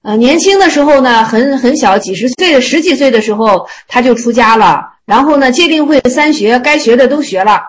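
High-voiced woman telling a story. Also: animated, fairly quick, few pauses. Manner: repeats phrases and restarts. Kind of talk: casual storytelling.

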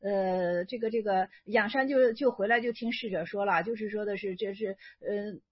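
Husky-voiced woman teacher rambling through a koan, stops and fixes herself a lot, muffled lo-fi sound. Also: medium pitch, moderate pace. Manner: thinking aloud, self-correcting, many fillers. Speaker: Chan Buddhist teacher explaining a koan. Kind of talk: casual spoken lecture.

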